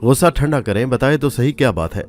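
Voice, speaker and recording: Man voicing a kindly middle-aged mother, gentle, worried, soft-spoken, raised pitch, faint music. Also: lively intonation, a little fast, lightly acted.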